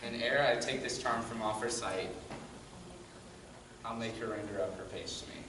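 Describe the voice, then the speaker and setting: A man's voice: medium pitch, steady tone, moderate pace, lightly acted. A man playing a commanding jealous fairy king. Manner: declaiming, stagey verse delivery. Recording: echoey hall, far mic, noisy.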